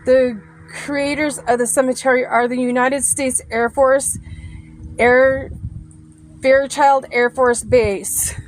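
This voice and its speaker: A woman's voice: high voice, steady tone, slow pace, faint music behind. A woman out of breath, chatting to viewers as she reads a sign aloud, recording outdoors at a cemetery. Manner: chatty, addresses viewers directly. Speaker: paranormal vlogger. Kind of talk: casual vlog, reading a sign aloud.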